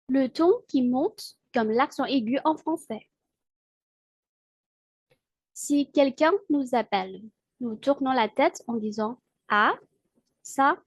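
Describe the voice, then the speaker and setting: A woman teaching pronunciation in French, patient and hesitant, with many filler pauses. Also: fairly high pitch, darkish tone, no room sound, dull audio. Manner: models syllables slowly for repetition. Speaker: Mandarin teacher. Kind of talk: language lesson.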